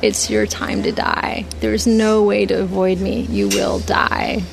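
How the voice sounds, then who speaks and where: A woman putting on the hushed deep voice of death. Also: big pitch swings, vocal fry, over music, exaggerated voice. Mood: ominous. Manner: slow, hushed and menacing. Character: death as a grim voice on an answering machine. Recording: noisy background.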